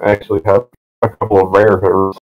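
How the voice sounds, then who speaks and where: A low-voiced man takes his turn as a player in a tabletop game, pausing often with a hesitant "uh" as he thinks aloud. His mic sounds dull and lo-fi, and the sound is very dry. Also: level tone, no echo. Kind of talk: casual tabletop role-play.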